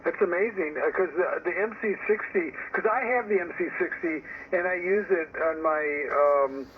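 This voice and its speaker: Heard over ham radio, a man with a high voice rambles casually and opinionatedly at a moderate pace in an amateur radio chat. The narrowband transmission is tinny and full of static.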